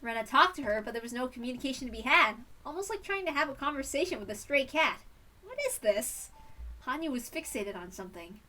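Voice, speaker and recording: A woman reading a visual novel aloud in an animated, expressive way, a bit off-mic. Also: sits high, fast talker, few pauses, recorded from a distance, faint music behind. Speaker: reader.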